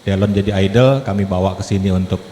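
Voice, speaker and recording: Speaking quickly in a low, dark voice, a fifty-something lay preacher delivers a humorous sermon to his congregation. He's chatty, cracks jokes and engages people with questions, recorded in an echoey church hall with a little background noise.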